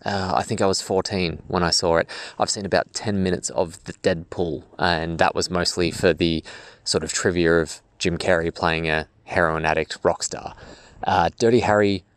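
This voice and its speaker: A man's voice: sits low, fairly even intonation, normal speed, no echo. An Australian man recording a casual, jokey, confessional message in a car park. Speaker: guest contributor sending a farewell message. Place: in a parking garage or car park.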